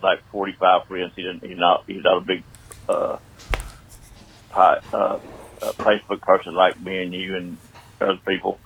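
An older man talks loosely and chuckles through a voicemail. His voice sits low and husky. The phone line makes it thin and tinny. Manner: rambling, chuckling, loose and chatty. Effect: voicemail played over a phone line. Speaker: caller leaving a voicemail. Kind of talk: casual phone message.

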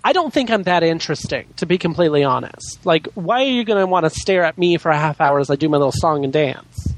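A man's voice: a little high, animated, quick pace, rough recording. A man chatting casually as a podcast guest, with a campy drag-queen delivery and exaggerated, theatrical inflections. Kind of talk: casual chat.

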